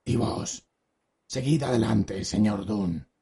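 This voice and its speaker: A calm, patient monster hunter in an audio drama. He speaks formally and steadily in a dark, husky, gravelly voice. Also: fairly low pitch, slow pace, exaggerated voice. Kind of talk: audiobook radio drama acting.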